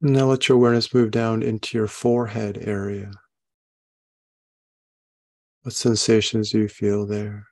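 A man leading a guided meditation, giving gentle, unhurried instructions and soft questions. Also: lowish voice, flat delivery. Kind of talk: guided meditation, body scan.

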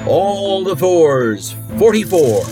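A man acting as a despondent local radio host calling bingo in a high, swooping voice. He stretches out each number and adds a wry, rambling tag, with music behind him. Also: big pitch swings, full character voice. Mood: wry, showy. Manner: calls numbers with drawn-out rhyming tags and wry asides. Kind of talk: bingo caller on a comic local radio show.

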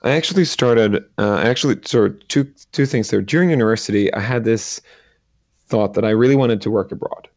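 The interview guest is a Swedish angel investor and entrepreneur whose answers are reflective but halting, packed with fillers. His voice is lowish and rather dark, his pace brisk, with no room sound.

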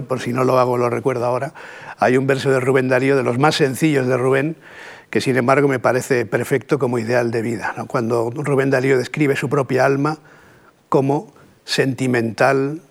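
Speaking in a mid-range voice with fairly even intonation and some vocal fry, this middle-aged man from Catalonia gives a thoughtful poetry lecture. His Catalan Spanish accent carries through measured pauses and rhetorical asides.

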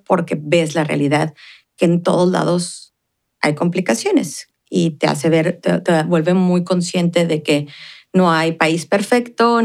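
A middle-aged woman from the Mexican border region speaks as a podcast guest in a casual conversation. Her voice is fairly low, with vocal fry and a slightly mellow quality. She talks earnestly and reflectively, using many fillers.

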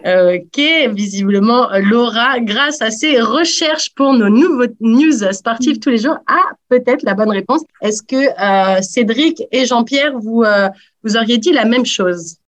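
A woman's voice: a little high, measured pace. A woman hosting a radio sports quiz over a video call, teasing the players. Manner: playful, teasing. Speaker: quiz host.

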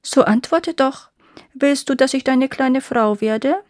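A woman's voice: high-pitched, slow, darkish tone, no echo, studio quality, pitched above the performer's own voice. Woman playing a menacing old witch. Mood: coaxing. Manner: wheedling then threatening.

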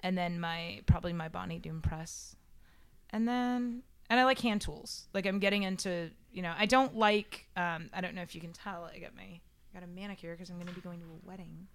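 Chatty low-voiced woman, dry close sound. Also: fairly quick, no room sound. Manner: chatty, self-deprecating, lots of fillers. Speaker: podcast guest, robotics club founder. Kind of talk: casual podcast chat.

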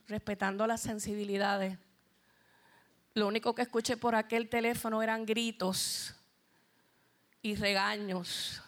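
A middle-aged woman with a Puerto Rican accent, giving a heartfelt church testimony as a worship singer and speaking directly to the congregation. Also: mid-range voice.

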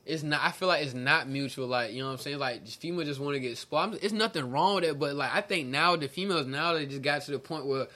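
A man with a moderately high-set voice talks casually among friends while drunk. His speech is loose, profane and thick with slang, constantly addressing the others as bro. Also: fast, hardly any pauses, pushed and bright. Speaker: co-host of a casual livestream. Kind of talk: casual group chat.

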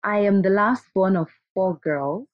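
A woman's voice: medium pitch, measured pace, no room sound, lo-fi sound. A woman from Zimbabwe, a guest in an interview, talking candidly and restarting her sentences. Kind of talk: conversational interview.

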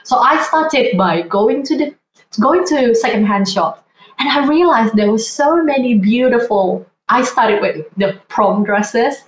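A woman's voice: a little high, animated, measured pace, roomy sound, low-quality recording. A woman, talking as a podcast guest in an earnest, reflective way. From Indonesia. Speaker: guest, vintage blogger. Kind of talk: conversational interview.

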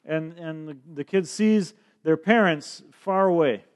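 A man interpreting a sermon into English on the fly, his voice a little higher than most. He often stumbles and repeats words while he searches for the phrasing. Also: slow pace.

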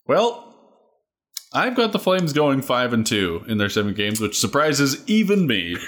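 A man's voice: mid-range voice, sing-song, unhurried, fairly bright tone. A man with a Canadian accent co-hosting a hockey podcast in casual chat, giving dry, wry remarks. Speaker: podcast co-host.

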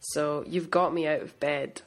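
A woman's voice: sits low, fairly even intonation, a little slow. A woman co-hosting a casual podcast while sick, chatty and self-deprecating. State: sick, under the weather. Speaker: podcast co-host. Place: home in Scotland.

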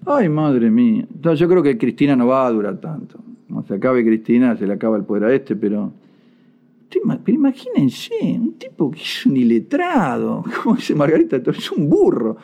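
A man's voice: mid-range voice, huge pitch swings, moderate pace, mellow. An older man with an Argentine accent giving indignant, sarcastic political commentary. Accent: Argentine Spanish. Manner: indignant, sarcastic, mocks people in put-on voices. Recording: dull lo-fi sound.

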